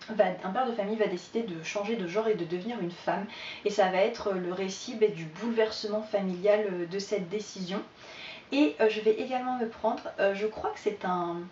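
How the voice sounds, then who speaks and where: A woman talks through her reading list in a relaxed, chatty way, pausing often on fillers. Her voice sits in a middle pitch and sounds a little distant from the mic. The room is echoey and the sound a bit muffled, with faint noise underneath. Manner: chatty, hesitant with many fillers. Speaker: book vlogger. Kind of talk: casual book chat to camera.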